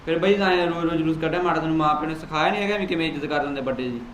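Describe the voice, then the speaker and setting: Guy doing a reproachful punjabi brother-in-law, talks super fast. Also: fairly high pitch, a bit bright, roomy sound, a little hiss or hum, close to an everyday voice. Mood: confrontational. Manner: reproachful, pushy. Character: young man defending his mother. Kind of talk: short-film acting.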